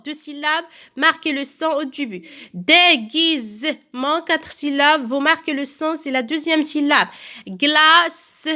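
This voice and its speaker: Female primary teacher, high bright voice, unhurried, careful syllable-by-syllable delivery for young pupils. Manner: slow, careful, repeats words and claps out syllables. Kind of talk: recorded phonics lesson for children.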